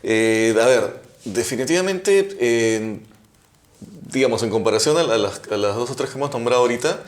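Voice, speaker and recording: A man's voice: medium pitch, animated, normal speed. A man as an interview guest, talking thoughtfully with many restarts and tag questions. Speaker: guest guitarist. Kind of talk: casual interview chat.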